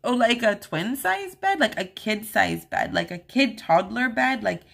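This vlog host speaks at a measured pace in a slightly high, expressive voice that's creaky and fairly bright. She rambles through a personal story in a casual, chatty way, using lots of "like" and "um," and gets open and emotional when remembering what happened.

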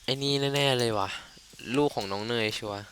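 A man's voice: medium pitch, a little fast, a bit bright, slight background noise. A man casually commenting on his game playthrough, joking and swearing as he goes. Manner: crude, joking, rambling. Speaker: gamer. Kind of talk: casual let's play commentary.

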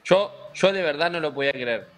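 Easygoing Argentine racing driver chatting. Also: male voice, a little high, a little fast. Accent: Argentine Spanish. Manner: relaxed, joking, rambling with many fillers. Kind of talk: casual interview chat.

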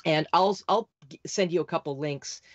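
Rapid-fire, insistent woman guest. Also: low-pitched, dry recording, highs cut off. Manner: insistent, rapid, talks like an auctioneer. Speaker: podcast guest. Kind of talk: fast, emphatic interview talk.

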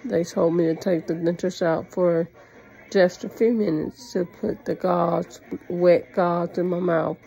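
A woman's voice: lowish voice, steady tone, unhurried, gravelly, mellow, rough recording. A woman talking with new dentures in, chatting plainly in a casual video diary. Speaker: vlogger sharing a personal journey.

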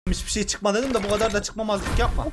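Excitable young man, rowdy game chat. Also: sits high, fast talker, over loud music. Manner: loud, swearing, bursts into shouts and laughter. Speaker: gaming YouTuber. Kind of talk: excitable casual game commentary.

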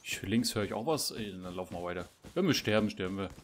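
A gamer streamer with a low, expressive voice chats casually at a quick pace while playing a survival game. He teases himself and his teammate, tossing in lots of tag questions. There's slight background noise.

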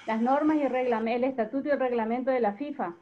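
Mujer estudiante en clase virtual, titubeante, sonido de baja calidad con leve ruido. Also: female voice, a little high, fairly even intonation, quick pace. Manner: hesitant, searching for words. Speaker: student. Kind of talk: answering in an online class. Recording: dull lo-fi call audio, faint noise.

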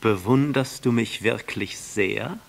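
A man's voice: fairly low pitch, slow, gravelly, voice pushed up. A man voicing a vain, pompous man who craves admiration in an audiobook reading, drawing out his words grandly.

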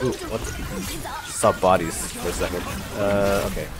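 Congested from a cold, this young man hosts a gaming channel and talks through his play in a deep, unhurried voice. The commentary is casual and chatty, full of laughter, with the odd curse whenever things get close. Game music sits clearly beneath him alongside the game's sounds.

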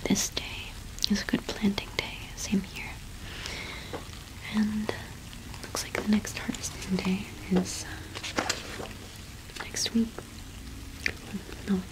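The recording is poor, capturing a young adult woman whispering breathily and softly near the mic. She plays a cottage witch shopkeeper in a halting, gentle ASMR roleplay, her voice medium-pitched with a flat delivery.

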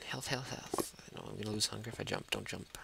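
A man's voice: lowish voice, steady tone, fast, gravelly, very noisy. A man doing gameplay commentary, talking to himself and the monsters and dropping to a whisper when scared. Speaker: let's play host. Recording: loud mouse clicking over the voice.

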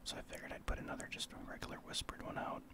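A man delivers ASMR gameplay commentary entirely in a hushed, breathy whisper. He is from Saskatchewan, Canada, and explains the match informally, like a streamer guiding newer players. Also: racing. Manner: explanatory, informal gamer talk. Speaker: streamer, ASMR channel host.

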